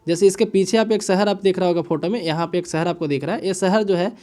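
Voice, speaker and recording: A man's voice: high voice, darkish tone. A man teaching current affairs, explaining news stories casually and often checking in with his listeners. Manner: casual, repetitive, frequent "है ना" and "ठीक है" checks; mixes English phrases into Hindi, reads headlines haltingly. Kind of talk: explaining news analysis to students.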